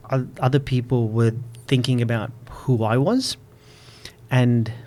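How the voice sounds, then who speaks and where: A man in his late thirties with a stutter, repeating word starts, speaking slowly and reflectively as a podcast guest. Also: mid-range voice, darkish tone. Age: 30s. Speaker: public speaking coach. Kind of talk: podcast interview.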